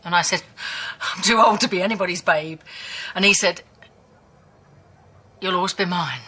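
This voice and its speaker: In a television soap drama, an actress plays a blunt, earthy older woman in a husky, lowish voice at a moderate pace. The reflective mood lets her bluntness soften into quiet remembering.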